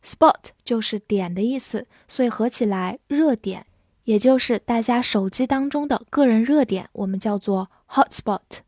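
A woman teaching English vocabulary, speaking with slow, careful enunciation and repeating words for drills. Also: a little high, darkish tone, no room sound, clean studio sound. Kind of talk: vocabulary lesson in Chinese.

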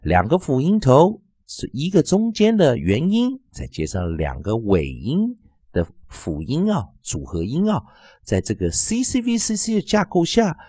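Slow, sing-song male phonics teacher. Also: husky, no room sound. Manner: slow, drawn-out repetition of sounds and words; very lively, sing-song pitch. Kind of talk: classroom-style phonics lesson.

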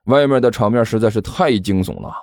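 A man narrating an audiobook in an animated storytelling manner. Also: lowish voice, a little fast, no room sound, studio quality.

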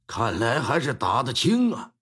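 Guy playing a gruff husky magistrate, barks orders, low and stern. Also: wildly swooping pitch, normal speed, fairly bright tone, full character voice. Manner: gruff, commanding. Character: stern ruthless male county magistrate.

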